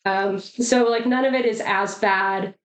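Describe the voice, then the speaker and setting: A woman's voice: mid-range voice, steady tone, measured pace. A woman co-hosting a podcast, chatting casually about a film with lots of fillers and little acted-out lines. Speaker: podcast co-host. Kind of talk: casual movie discussion. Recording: echoey room.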